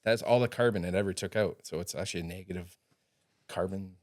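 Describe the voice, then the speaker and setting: A man who owns a bakery, a podcast guest, telling stories in a relaxed, rambling way. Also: deep voice, fast talker. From Ontario, Canada. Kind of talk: casual chat.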